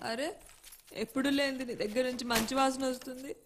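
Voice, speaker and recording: An actress dubbing a sharp-tongued but loving young wife who teases and scolds her husband, over film music. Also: high-pitched, steady tone, fast, background noise, lightly acted. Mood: teasing. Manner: teasing and scolding. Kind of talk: dubbed film dialogue.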